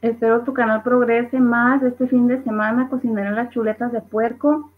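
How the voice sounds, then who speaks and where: The host of this relaxed livestream has a voice on the high side with little movement in pitch, and she talks at a normal speed. She reads comments from viewers aloud and laughs along, over thin, phone-like audio.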